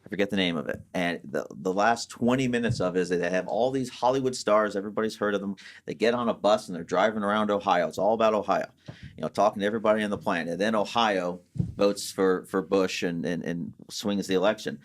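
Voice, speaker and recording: A man with a fairly low voice talks as a guest on a podcast panel. He rambles through his anecdotes with lots of asides and restarts. The chat is casual and loose. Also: quick pace.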